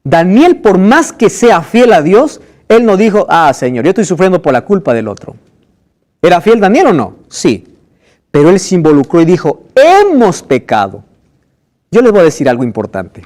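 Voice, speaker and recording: A man preaching a sermon in a high, lively voice that swoops up and down. He keeps asking his listeners questions and slows down to act out the scripture quotes with drama. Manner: rhetorical questions to the congregation, dramatic slowed quotes. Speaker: pastor.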